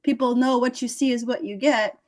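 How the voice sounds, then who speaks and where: A woman's voice: fairly high pitch, a little fast. A woman hosting a casual chat, talking enthusiastically and acting out little quotes as she gives advice. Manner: animated, enthusiastic, acts out quotes. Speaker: host.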